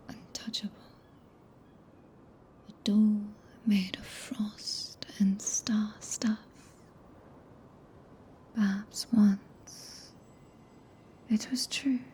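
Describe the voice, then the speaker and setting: A British woman playing a regal, tender, possessive witch in a soft, breathy, intimate ASMR whisper close to the microphone. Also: medium pitch, slight background noise. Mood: intimate, confiding, then yearning, devoted. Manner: slow, solemn, intimate, deliberate pauses. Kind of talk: ASMR roleplay, archaic scripted speech. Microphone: close binaural ASMR microphone.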